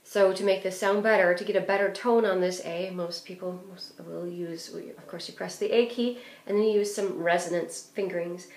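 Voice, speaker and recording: A woman with a lowish voice and fairly even intonation teaches clarinet at a moderate pace, hardly pausing. Her instructional lesson covers phrasing and fingerings in a practical way with frequent fillers, recorded with roomy echo.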